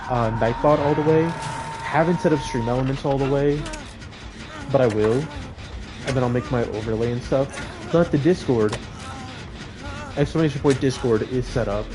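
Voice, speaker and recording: A man's voice: medium pitch, normal speed, long pauses, over music. Joking young man streaming a game. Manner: joking, talks to chat while playing, laughs often. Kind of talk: casual gaming stream chat.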